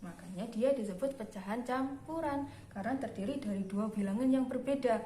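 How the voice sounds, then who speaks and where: A woman's voice: a little high, dark tone. A young woman teacher patiently explaining a primary school math lesson step by step. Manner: slow, patient explaining with frequent "nah". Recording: echoey room with background noise.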